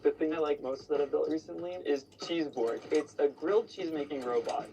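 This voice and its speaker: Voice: mid-range voice, a little fast, vocal fry, mellow, recorded from a distance, dull audio. An upbeat, confident engineer from Los Angeles explains their build. The voice sits a bit back from the mic, with a faint room hum behind it. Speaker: engineer and competitor. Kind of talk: casual competition-show chat.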